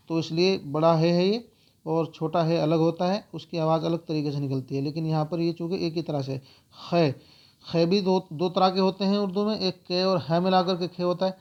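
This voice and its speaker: A man gives a beginner's lesson on reading letters, saying each one, repeating it and explaining how it sounds. His voice sits a little high and his manner is steady and methodical. The recording is somewhat muffled and lo-fi. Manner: slow, repetitive letter-by-letter explaining. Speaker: teacher. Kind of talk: spoken lesson on the alphabet.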